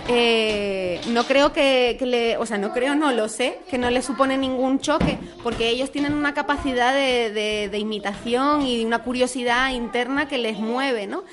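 A woman's voice: on the high side, moderate pace, few pauses. A woman from a school answering interview questions, explaining earnestly with hesitations. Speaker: school staff member. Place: school classroom with children.

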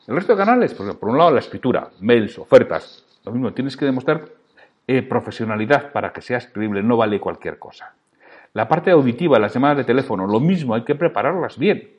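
A man's voice: mid-range voice, lively intonation, fairly quick, muffled recording. A man with a Spanish accent hosting a solo podcast, speaking directly and emphatically to the listener as he teaches sales.

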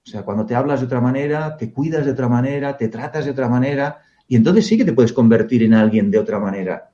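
A man coaching people through their inner dialogue, talking in a mellow, relaxed voice. He explains calmly and reflectively, often checking in with a rhetorical question. The sound is slightly dull and lo-fi. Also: medium pitch, fast. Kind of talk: radio interview guest.

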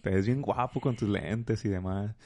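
Lively Mexican man teaching with examples. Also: lowish voice, normal speed. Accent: Mexican Spanish. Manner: animated, teaching with playful examples. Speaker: guest speaker.

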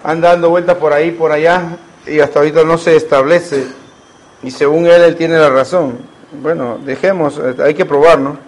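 A man's voice: on the high side, steady tone, normal speed, poor audio. A man, preaching a sermon as a pastor and asking the congregation rhetorical questions.

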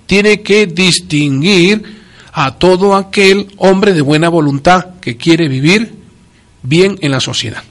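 A man's voice: sits high, slow. A man speaking in a preacherly, emphatic way on a religious talk program, often repeating his key phrases for stress.

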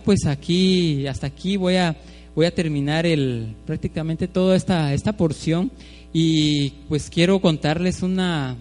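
A man's voice: a little high, a little mellow. A man preaching informally, telling a story with many restarts and fillers. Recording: long hall reverb, faint music.

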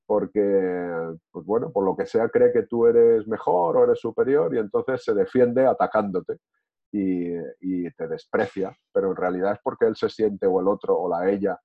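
Over a tinny, phone-like line, a man with a lowish, husky voice speaks at a moderate pace. He's a participant in a casual group discussion, reflecting aloud with many hesitations and restarts.

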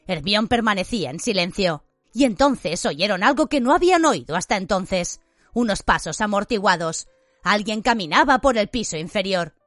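A woman narrating an audiobook in an expressive, vivid reading style. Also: mid-range voice, moderate pace, no room sound, clean studio sound, faint music behind.

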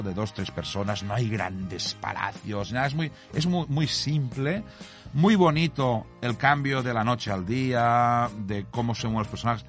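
A man with a mid-pitched voice, chatting loosely and joking while he sums up a game for his audience. Faint music plays softly in the background. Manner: relaxed, jokey, easily amused. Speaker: podcast co-host. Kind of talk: casual chat about video games.

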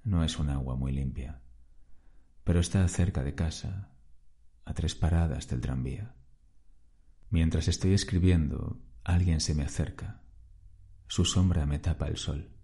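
A man, calmly narrating a first-person story as a podcast host. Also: very deep voice, measured pace, creaky, pauses often.

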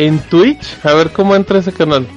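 A man's voice: a little high, moderate pace, lo-fi sound, soft background music. A man with a Mexican accent co-hosting a live podcast, teasing his co-host in casual banter. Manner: teasing, playful.

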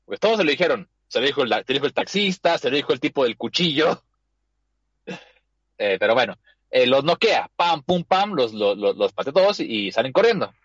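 A man's voice: medium pitch, big pitch swings, fairly quick, breathy edge, no room sound, muffled recording. A man hosting a casual chat, animatedly retelling an anime episode and acting out the characters' lines. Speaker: podcast host.

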